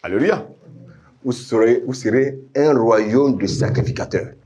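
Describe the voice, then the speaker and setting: This middle-aged preacher speaks to his congregation directly, calling for responses and repeating lines with passion. Unhurried, he shifts from quiet, low asides up to high shouted refrains.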